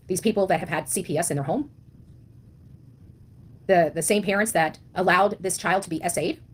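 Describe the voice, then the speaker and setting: This woman comments online on a missing-child case in a husky mid-range voice. Her monologue is passionate, blunt, and outraged, built around rhetorical questions and forceful repetition.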